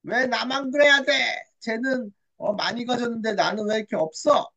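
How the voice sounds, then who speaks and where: A woman's voice: medium pitch, very animated, moderate pace, highs cut off. A woman acting a childless young wife who keeps asking why she alone has no child. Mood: plaintive. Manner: whining, plaintive questioning.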